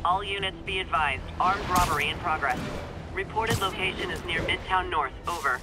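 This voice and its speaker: Police dispatcher over the radio. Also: male voice, sits high, normal speed, loud music behind the voice. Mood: businesslike. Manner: clipped, official radio calls. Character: male police dispatcher calling units. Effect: heard over a police radio.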